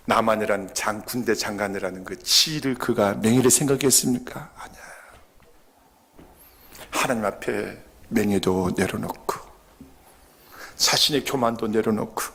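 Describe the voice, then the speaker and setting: A man's voice: mid-range voice, creaky, fairly bright tone. A man preaching a sermon as pastor in a church, often asking his congregation rhetorical questions. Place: church sanctuary.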